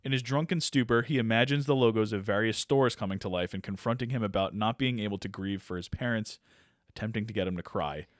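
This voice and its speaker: A man's voice: lowish voice, fast talker, dry recording, studio quality. A man co-hosting a podcast, reading through a movie's plot and stopping for wry asides. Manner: summarizes with asides and laughs. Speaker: podcast co-host. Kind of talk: casual chat, reading a plot summary.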